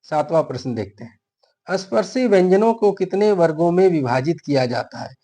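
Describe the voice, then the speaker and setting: A man's voice: on the high side, expressive, moderate pace, dark tone. A man teaching a grammar lesson for an exam, explaining step by step and answering his own questions.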